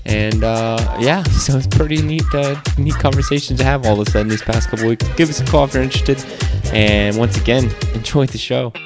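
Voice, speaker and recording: A man's voice: mid-range voice, brisk, over music. A man from Texas hosting a podcast interview in a casual, joking way. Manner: joking, laid-back. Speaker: podcast host. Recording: slightly dull lo-fi audio.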